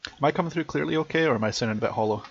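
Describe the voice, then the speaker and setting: A man rattles off casual remarks at a brisk clip over a flight-sim voice channel. His voice sounds hollow and tube-like, picked up by a webcam microphone. The sound is dull and lo-fi, with a faint hiss behind it. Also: a little high, vocal fry. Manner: quick, joking, swears casually. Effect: hollow, tube-like sound from a webcam mic. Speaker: player on a flight-sim squadron voice chat. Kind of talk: casual voice-chat banter.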